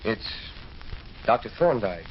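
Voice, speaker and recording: A fairly low, very animated male voice portrays a sober, sceptical doctor describing a haunting in a 1940s radio horror play. He speaks in a grave, measured, firm manner with an uneasy mood, and the old radio recording is muffled and noisy.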